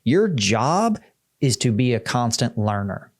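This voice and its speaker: A man at an ordinary middle pitch, co-hosting a casual podcast. He speaks earnestly and with emphasis, driving home his points and checking in with "right?". He speaks as a dog trainer. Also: big pitch swings, measured pace.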